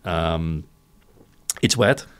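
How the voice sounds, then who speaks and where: A Dutch founder of a company, interviewed as a guest, speaks extremely slowly in a deep voice that is a bit bright with a clean tone. His casual explanations come in short, informal bursts, often ending in a question to check in.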